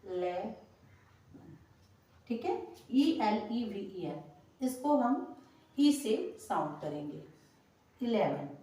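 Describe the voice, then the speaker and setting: A woman with a fairly high voice teaches pronunciation at a very slow, patient pace. She spells out words and repeats them. Her voice sounds far from the microphone in a strongly echoing room. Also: warm tone. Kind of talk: slow spoken lesson. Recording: very echoey room, voice from off the mic.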